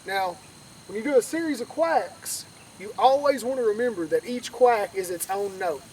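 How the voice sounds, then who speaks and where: Male instructor, noticeably high voice, conversational teaching style, distant outdoor recording with faint noise. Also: animated, moderate pace, a little mellow. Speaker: duck calling instructor.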